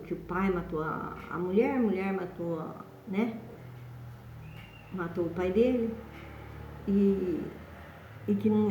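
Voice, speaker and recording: A woman's voice: medium pitch, warm tone, slight background noise. A woman telling a story in a casual, rambling way, often adding tag questions. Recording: dull echoey room.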